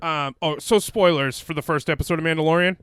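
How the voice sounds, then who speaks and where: A man's voice: fairly high pitch, steady tone, fast, a bit bright, clean tone, dry recording, studio quality. A man co-hosting a podcast in casual chat, swearing and laughing often. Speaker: podcast co-host.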